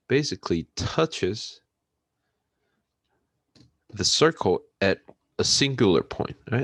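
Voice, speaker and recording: A man giving a recorded math lecture, unhurried, with frequent fillers and checks for understanding. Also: deep voice, no room sound. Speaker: math instructor.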